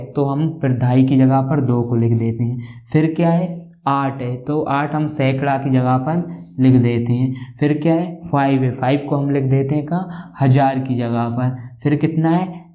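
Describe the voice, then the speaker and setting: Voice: mid-range voice, warm tone. A maths teacher explaining a lesson, who keeps asking questions and answering them, and spells out place values one by one.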